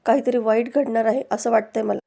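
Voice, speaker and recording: Worried young man, read by a woman narrator, mellow and even. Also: fairly high pitch, fast talker, gravelly. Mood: anxious. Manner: anxious, shocked.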